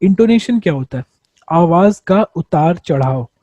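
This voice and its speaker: A man's voice: a little high, expressive, unhurried, darkish tone, no room sound, highs cut off. A man teaching exam prep, explaining step by step, repeating points and answering his own questions. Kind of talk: explanatory lesson.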